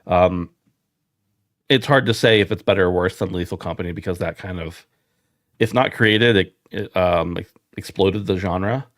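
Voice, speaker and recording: A man's voice: sits low, normal speed, no echo, clean studio sound. A man hosting a casual gaming podcast, easygoing and chatty. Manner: easygoing, chatty, frequent restarts. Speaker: podcast host.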